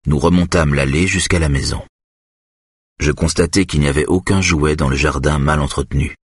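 A man narrating a tense first-person story in a measured way. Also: rumbling low, steady tone, breathy edge, no echo, clean studio sound.

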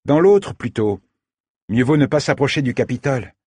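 A man voicing an earnest, cautious boy who turns excitable. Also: mid-range voice, normal speed, husky, no echo, clean studio sound, voice pushed up.

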